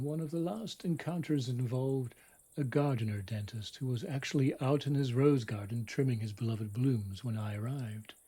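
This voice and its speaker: Speaking at a medium pitch with a dark tone, a middle-aged man tells a scripted bedtime story, his husky voice often dropping to a whisper. The telling is wry, dramatic, and unhurriedly deliberate.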